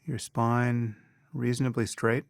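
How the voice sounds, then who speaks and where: A meditation teacher guides a session in a measured, instructional manner, pausing between phrases. His medium-pitched voice is level, with some vocal fry, recorded in clean studio sound with no echo.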